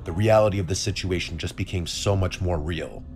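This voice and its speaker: Very deep-voiced male story narrator. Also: a little fast, music in the background. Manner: calm, steady storytelling. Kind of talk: scripted narration.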